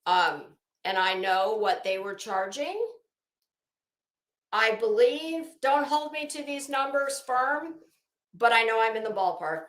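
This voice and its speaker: Taking her time, a woman with a somewhat high, bit-bright voice delivers animated commentary as an online host. She is gossipy, opinionated and rambling, drawing out emphasized words, and the recording sounds roomy and echoey.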